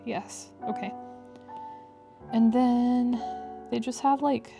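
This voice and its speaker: Woman with heavy vocal fry, chatty. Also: fairly high pitch, steady tone, slow. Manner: chatty, wry asides with frequent "like". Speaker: digital artist narrating a drawing tutorial. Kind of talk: casual rambling tutorial commentary. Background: piano music.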